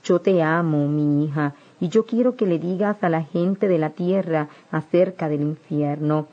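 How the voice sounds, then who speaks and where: A woman voicing the words of a gentle, loving divine man in a spoken religious testimony. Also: deep voice, measured pace, highs cut off. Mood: tender.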